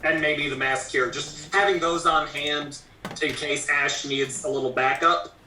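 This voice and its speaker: Very bright-voiced man thinking aloud, distant mic. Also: on the high side, steady tone, unhurried. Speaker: tabletop role-playing player. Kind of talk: casual tabletop game chat. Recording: roomy, distant mic, faint noise.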